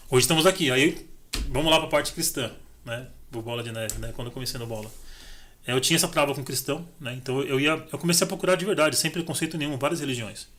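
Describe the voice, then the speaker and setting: A man's voice: medium pitch, quick pace, a little hiss or hum. A middle-aged man, a podcast guest telling his life story in casual chat and acting out the dialogue. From Brazil. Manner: animated, acts out dialogue in his stories.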